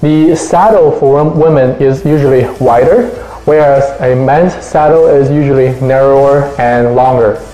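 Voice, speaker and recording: A man's voice: medium pitch, a little slow, dark tone. A man hosting a review show, presenting in an upbeat, enthusiastic scripted way. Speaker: host of a bike review show. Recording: roomy echo, faint music.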